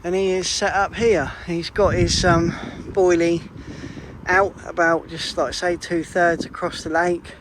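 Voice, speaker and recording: Beside a fishing lake, an angler vlogs in a high-pitched voice with little pitch movement and a measured pace. His talk is casual and he cuts himself off mid-sentence, all over a noisy background.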